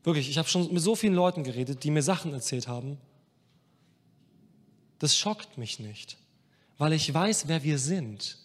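A man preaching a sermon with passion, speaking straight to his listeners and moving between hushed and emphatic delivery. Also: a little high, animated, normal speed, long pauses. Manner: addresses listeners directly. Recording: long reverb of a large hall.

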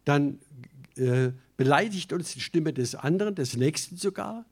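A man's voice: a little high, animated, a little slow, husky. A male pastor delivering a sermon with a voice sitting a little above the usual male range. He preaches with strong emphasis, speaking straight to his listeners, then loosens into chatty asides with the odd hesitation. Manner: emphatic preaching, addresses congregation directly.

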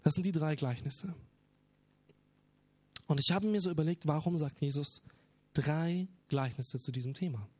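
A man's voice: on the high side, moderate pace, long pauses, a little mellow, husky, no echo. A man preaching a sermon, talking earnestly and with emphasis as he explains parables.

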